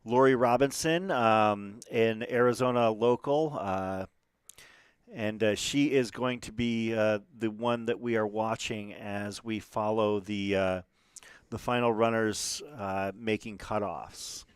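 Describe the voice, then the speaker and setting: A man's voice: lowish voice, fairly even intonation, slow pace, clean tone, no echo. A man doing casual live commentary on a race stream, chatty and rambling, with lots of fillers and restarts.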